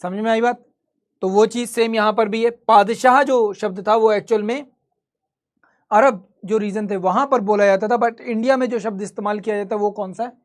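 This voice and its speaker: A man's voice: high voice, steady tone, normal speed. Man teaching a live class. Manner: conversational, quizzing students and answering his own questions. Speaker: history teacher. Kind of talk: live online class lecture.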